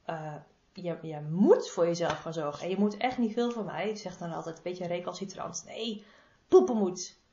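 A woman's voice: lowish voice, brisk, mellow, slight background noise. Female therapist, informal and affectionate, repeats her advice. Roomy, slightly muffled recording. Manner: affectionate toward listener. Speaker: body-energy therapist. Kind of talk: casual advice monologue. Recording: roomy, slightly dull sound.

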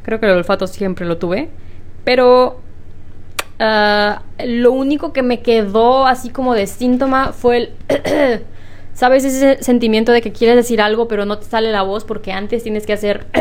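A young woman talks casually to the camera from her home, her voice set a little high and still slightly hoarse. She chats in a relaxed way, laughing often and clearing her throat now and then. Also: measured pace. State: slightly hoarse after illness. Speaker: vlogger. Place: home room. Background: washing machine.

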